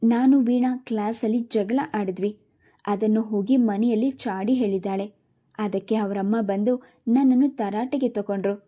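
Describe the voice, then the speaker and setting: A woman's voice: medium pitch, moderate pace, mellow, natural voice. A woman voicing a proud, sensitive schoolgirl who speaks while crying, in a read-aloud storybook. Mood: tearful.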